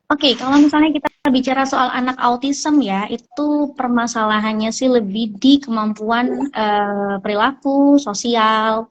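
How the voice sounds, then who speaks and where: A woman speech therapist calmly explaining child speech development on a hospital talk show, with frequent fillers. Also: on the high side, measured pace, lo-fi sound, slight background noise.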